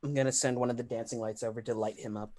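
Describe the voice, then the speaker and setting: A woman's voice: extremely low pitch, steady tone, very fast, noisy background. A woman playing a tabletop game, speaking casually in character. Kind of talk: casual in-character role-play.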